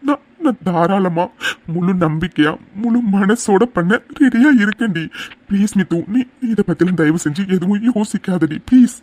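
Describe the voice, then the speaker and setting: Woman voicing a devoted young cartoon hero, mellow mid-pitched voice, earnest and insistent. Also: lively intonation, normal speed, close to an everyday voice. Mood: determined. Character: young man, stubborn and devoted.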